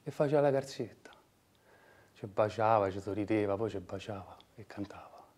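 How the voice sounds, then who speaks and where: A man acting an anguished working-class son in a dramatic monologue, with a Roman dialect accent, moving between hushed murmurs and impassioned outbursts. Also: on the low side, moderate pace, lightly acted. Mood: wistful. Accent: Roman (old Romanesco dialect). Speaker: actor.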